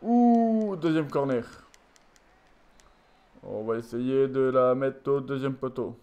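A tired man commentating his own football video game match, swinging from low muttering to shouted goal calls. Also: slow pace. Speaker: gaming YouTuber. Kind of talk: live gameplay commentary.

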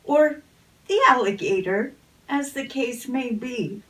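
A woman voicing a cheerful, helpful female goose in a storybook, bright and eager. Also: a little high, lively intonation, slow, distant mic, low-quality recording. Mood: puzzled. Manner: bright and eager, cries out warnings.

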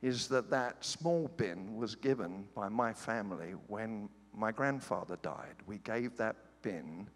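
A British man playing an aggrieved churchgoer who speaks low and resentfully. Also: expressive, a little slow, hardly any pauses, slight background noise. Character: aggrieved middle-aged male churchgoer, sulky. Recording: reverberant church hall, faint ambience.

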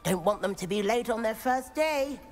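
A man's voice: very high-pitched, lively intonation, normal speed, soft background music. A man voicing a cheerful, welcoming teenage wizard student in a video game, with a British accent. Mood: chatty, friendly. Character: friendly, enthusiastic teenage male wizard student.

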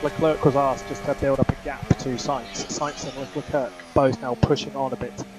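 A man's voice: medium pitch, fairly even intonation, normal speed. Male race engineer over noisy car radio. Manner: clipped, repeats key instructions. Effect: race car team radio. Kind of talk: terse race car team radio instructions. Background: car engine noise.

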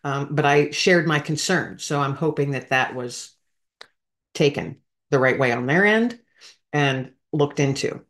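A woman's voice: low voice, unhurried, fairly bright tone. A woman, a veteran hosting a podcast, telling an emotional story in a heartfelt, rambling way and talking straight to her listeners.

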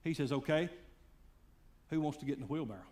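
A man preaching a sermon, swinging between loud fiery calls and hushed, quiet lines. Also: on the high side, quick pace, a little hiss or hum. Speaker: pastor.

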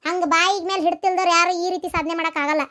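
Firm young cartoon wife. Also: female voice, very high voice, steady tone, racing, bright, forceful tone. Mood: defensive. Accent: North Karnataka Kannada. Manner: firm, defensive, earnest. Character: young married woman, firm and loyal to her husband. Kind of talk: cartoon voice acting.

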